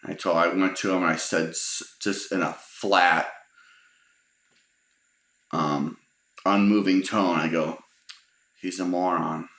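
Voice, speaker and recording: A man's voice: sits low, fairly even intonation, slow pace, pauses often, a bit bright. A middle-aged man telling humorous stories from his life in a rambling, casual way, with lots of fillers and chuckles. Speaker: storyteller. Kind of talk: casual spoken storytelling. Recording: roomy echo.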